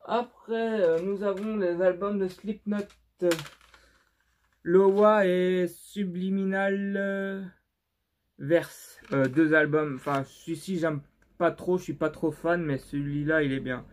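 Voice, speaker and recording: A man's voice: sits high, steady tone. A young man with a non-native French accent, chatting casually in a vlog and stumbling through lots of fillers and restarts. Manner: halting and unsure, many fillers and restarts. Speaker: YouTuber showing his CD collection.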